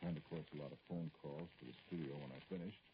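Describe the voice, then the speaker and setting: A man's very deep, gravelly voice portrays an aggrieved middle-aged politician in a vintage radio play, speaking to a caller with brooding dignity. Wounded and indignant, he is formal and pointed yet hesitant, pausing often, with fairly level intonation, all on a dull, noisy old recording.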